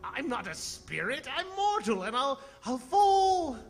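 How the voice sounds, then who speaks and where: An actor in a live staged radio drama playing a frightened, stammering old miser who pleads hesitantly. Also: male voice, high voice, big pitch swings, slow, pushed and bright, long reverb tail, faint music behind, heavily acted. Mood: panicked. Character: frightened, quavering old miser Ebenezer Scrooge. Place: on a theatre stage. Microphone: stand microphone with pop filter.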